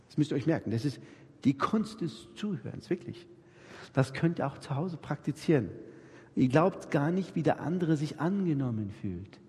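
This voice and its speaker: A man preaching a sermon to his congregation, animated, acting out everyday dialogues and speaking straight to his listeners. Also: on the high side, moderate pace, husky. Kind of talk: lively sermon. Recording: long reverb of a hall.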